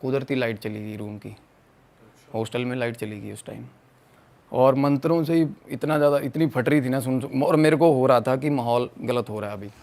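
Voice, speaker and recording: Animated young man from Punjab. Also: medium pitch, normal speed. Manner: animated, acts out quoted friends, mixes in English and Punjabi. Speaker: guest storyteller. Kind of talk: casual podcast storytelling.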